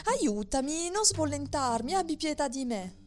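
A woman voicing a shrill boastful little rooster. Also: sing-song, brisk. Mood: begging. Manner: shrill, boastful, later pleading in panic. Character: arrogant spiteful half-chick rooster, male, small. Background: soft music.

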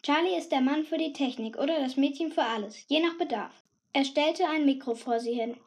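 A woman reading a first-person story aloud with a lively, cheeky teenage tone. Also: high voice, a little fast. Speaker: audiobook narrator. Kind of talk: scripted first-person narration.

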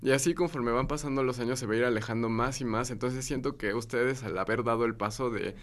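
A man's voice: medium pitch, quick pace. A man, a teacher guest explaining his ideas in a casual panel chat. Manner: reflective, explaining, frequent "¿no?".

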